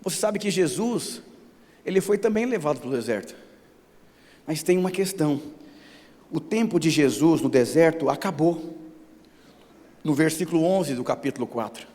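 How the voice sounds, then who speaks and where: A pastor preaching a sermon who drops to quiet asides and then climbs to shouted climaxes, often acting out the voices of the people he quotes. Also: a little high, animated, normal speed, pauses often, long reverb tail.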